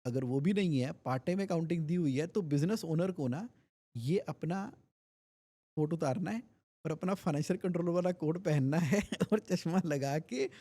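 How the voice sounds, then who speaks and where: A man's voice: on the high side, moderate pace, warm tone. A man from India, a finance expert guest on a podcast interview, explaining things animatedly with homely examples and repetition.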